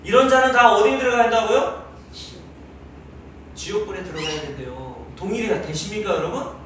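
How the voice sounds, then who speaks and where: A man preaching a sermon as pastor, lively and teasing his congregation with questions. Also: high voice, a little fast, slight background noise. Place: large church hall. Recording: very echoey hall, mic far off.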